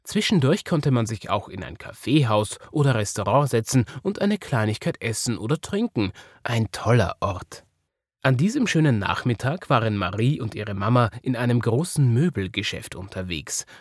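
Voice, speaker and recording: A man with an Austrian accent narrating a children's story in a lively storytelling manner. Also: mid-range voice, normal speed, no room sound, clean studio sound. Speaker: podcast storyteller.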